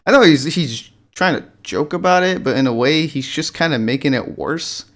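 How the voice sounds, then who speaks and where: A man's voice: fairly high pitch, normal speed, fairly bright tone. A man hosting a reaction video, ranting in a profane, exasperated and mocking way. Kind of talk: ranting commentary.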